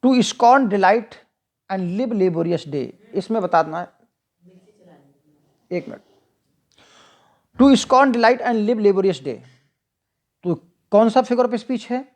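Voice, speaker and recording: A teacher with an Indian accent explaining exam questions. The teacher reads each English question slowly, asks it back to the listener and then answers it. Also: medium pitch, a little mellow. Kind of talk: explaining multiple-choice questions.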